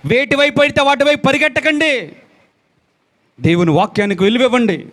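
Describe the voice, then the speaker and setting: A male pastor preaching a sermon, swinging between loud exclamations and low, quiet lines and repeating phrases for emphasis. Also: fairly quick.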